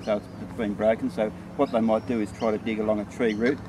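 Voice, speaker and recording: Out on rural land, a rabbit trapper and trainer talks fast with a flat delivery in a lowish voice. His explanation is plain-spoken and hands-on, as if showing people how the job is done, and clear rural background noise fills the recording.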